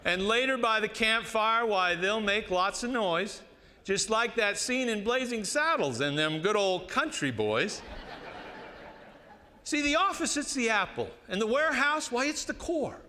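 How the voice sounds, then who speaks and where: Male cowboy poet, higher-pitched Western twang, folksy and unhurried delivery with dramatic pauses, recitation in a reverberant hall. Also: big pitch swings, sharp tone. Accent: American West cowboy twang. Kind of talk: cowboy poetry recitation to an audience.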